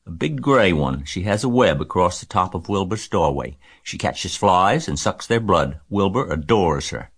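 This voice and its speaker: A man's voice: deep voice, expressive, normal speed, hardly any pauses, fairly bright tone, husky, full character voice. A man voicing an earnest, chatty young farm girl in a storybook, in a matter-of-fact manner. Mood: thoughtful.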